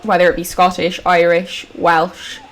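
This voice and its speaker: A woman's voice: lowish voice, completely flat delivery, measured pace. A woman with a British accent giving chatty, jokey commentary while she plays a video game, swearing casually as she goes. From United Kingdom. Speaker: gaming channel host. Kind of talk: casual let's-play commentary.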